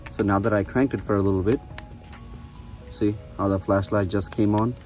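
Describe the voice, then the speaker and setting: A man in his thirties does a casual product review outdoors on a residential front porch, with music playing behind him. His voice sits on the low side, with a steady tone and moderate pace, and he explains the features conversationally, often repeating himself.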